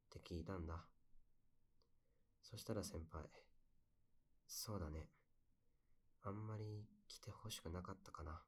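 A man playing a wistful young man who recounts memories in an intimate, soft-spoken bedside audio drama monologue. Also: sits low.

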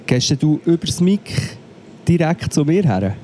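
A man's voice: fairly high pitch, big pitch swings, unhurried, dark tone, slight background noise. A man with a Swiss German accent, sick at home, chatting casually as a podcast co-host and complaining about the call connection. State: sick and coughing. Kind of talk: casual chat over a remote call.

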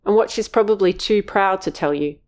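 A woman's voice: mid-range voice, brisk, lightly acted. A woman narrator voices an earnest teenage boy, a loyal friend. He speaks in a persuasive, sincere way in a storybook reading.

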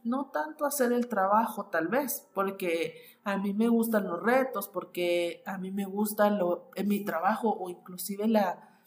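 A woman's voice: mid-range voice, measured pace. A woman with a Mexican Spanish accent, an ontological coach hosting a solo podcast, explaining ideas to her listeners and often checking in with tag questions. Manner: explanatory, addresses listeners directly with frequent "¿no?" tags.

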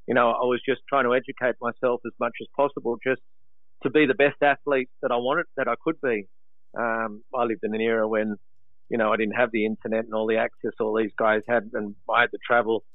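A man's voice: medium pitch, no echo. Plain-spoken Australian man on a tinny phone line. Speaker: guest, sprint coach. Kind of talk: casual phone interview.

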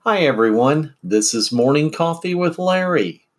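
A man's voice: on the high side, animated, unhurried. A middle-aged man from central Illinois hosting a casual morning podcast from home, rambling with many fillers and restarts. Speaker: podcast host.

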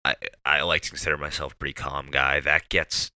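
Very deep, bright-toned laid-back man. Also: level tone, brisk, no echo, clean studio sound. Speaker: podcast co-host. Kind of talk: casual chat.

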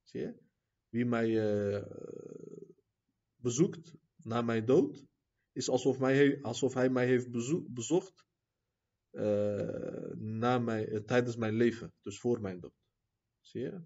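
A man gives a religious lesson in a relaxed, mellow tone, reading passages quickly before explaining them slowly with frequent fillers. He checks in with his listeners again and again. The recording is muffled and dull. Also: medium pitch. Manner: reads quotes quickly, then explains at length with many fillers and "zie je?" asides. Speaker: religious teacher.

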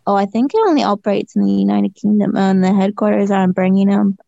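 A woman speaks relaxed and casual as a podcast co-host. Her voice is gravelly and mellow, and the audio is dry, dull and lo-fi. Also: mid-range voice, quick pace, dry recording. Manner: relaxed, laughs along easily.

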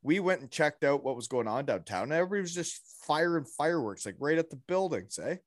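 A man's voice: on the high side, fast, no echo, clean studio sound. A man chatting casually with old friends on a video call, laughing often as he tells stories. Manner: laughing, animated storytelling. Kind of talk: casual chat.

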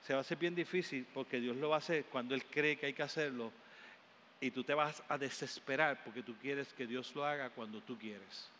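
A man's voice: medium pitch, fairly bright tone. A male pastor with a Caribbean Spanish accent, preaching a sermon in a church hall and building up in emphatic repeated phrases. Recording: long hall reverb, faint room noise.

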